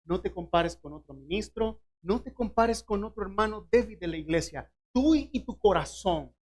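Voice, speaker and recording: A man's voice: high-pitched, expressive, normal speed, a little mellow. A man preaching a sermon, asking the listeners direct questions and now and then acting out short dialogues from scripture.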